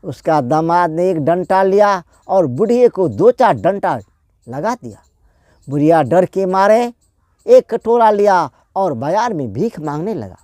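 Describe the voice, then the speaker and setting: Guy telling a folk story real slow, mellow tone, keeps repeating himself, dry sound. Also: high voice, big pitch swings, no echo. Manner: plain, repetitive retelling with restarts. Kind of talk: told folk tale.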